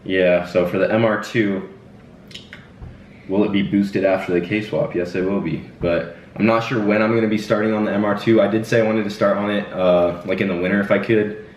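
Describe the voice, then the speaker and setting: A casual Q&A chat comes from a twenty-year-old host at home who rambles comfortably and fills gaps with lots of fillers. Brisk and lowish-voiced, he keeps his intonation fairly even. The mic is distant and dull in an echoey room, with a little hiss or hum.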